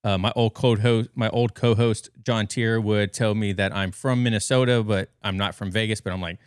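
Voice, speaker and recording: Speaking from his bedroom at home, this podcast guest, an American in his thirties from the western US, tells stories informally and rambles a bit. His clean-toned voice sits on the low side with fairly even intonation and a moderate pace, in a dry, clean studio recording.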